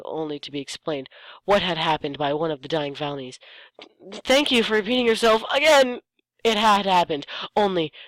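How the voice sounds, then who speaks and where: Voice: mid-range voice, no echo, rough recording. A host reading fan fiction aloud for comedy, stopping often to mock the writing sarcastically and stumbling over the lines. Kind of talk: comedic dramatic reading with commentary.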